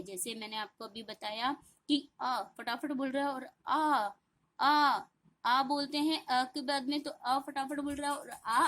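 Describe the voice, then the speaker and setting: A woman school teacher giving a Hindi grammar lesson, slowly explaining and repeating terms, then asking questions and answering them herself. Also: high voice.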